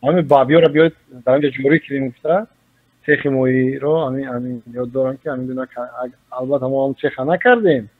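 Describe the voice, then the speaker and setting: A man with a Tajik accent, a journalist answering in a radio interview, speaking slowly and deliberately as he explains. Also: medium pitch, steady tone. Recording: muffled radio recording.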